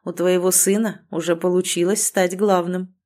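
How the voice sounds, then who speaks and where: A woman reading a calm, protective alpha werewolf husband. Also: lowish voice, normal speed, lightly acted. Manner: quiet, even and soothing.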